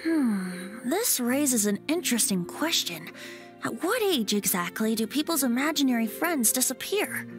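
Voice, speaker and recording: A whimsical, youthful bard boy from a video game, with a high and lively voice. He muses and teases in a breezy, playful way over clearly audible music. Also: unhurried. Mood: playful musing. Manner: teasing, musing. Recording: background music under voice.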